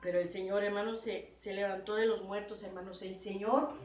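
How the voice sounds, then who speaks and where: A woman's voice: medium pitch, steady tone, fairly quick, a crowd in the background. A woman preaching a sermon in a church, often calling out to her "brothers" and asking "right?", her voice climbing to emphatic peaks. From Latin America. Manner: repeats "hermanos" and "verdad" constantly, rising to emphatic peaks. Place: church hall. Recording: very echoey hall, mic from far off, faint noise.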